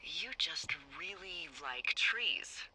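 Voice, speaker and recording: A woman's voice: on the low side, animated, very slow, noisy background. An actress playing a playful, needling woman fire lookout talking over a radio handset. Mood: teasing. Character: teasing, nosy adult woman fire lookout.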